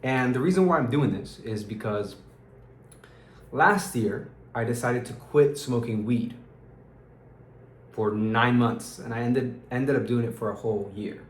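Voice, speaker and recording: A weary young American-accented vlogger from Peru speaks at medium pitch, a little slowly, in a reverberant space. His casual diary rambles with frequent restarts and slang such as "bro" and "dude."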